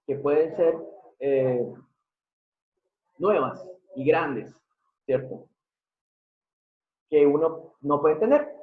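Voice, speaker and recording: A man delivers an online lecture in a fairly high voice, walking through examples and constantly asking his audience what they think. His voice comes through thin and phone-like. The room around him rings with echo. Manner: explanatory, keeps asking the audience questions. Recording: tinny phone-like sound in an echoey room.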